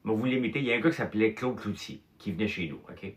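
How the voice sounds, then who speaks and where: A Québécois man in his fifties or older, telling childhood stories in casual chat, animated, with mild swearing and filler words. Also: fairly low pitch, quick pace, lo-fi sound. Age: 50s or older. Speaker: host.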